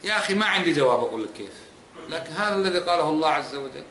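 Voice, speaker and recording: A man's voice: a little high, lively intonation, rapid-fire, bright, forceful tone, slight background noise. A man teaching as an Islamic scholar in a religious lecture, emphatic and repeating points, pressing the audience with rhetorical questions. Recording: echoey hall with faint ambience.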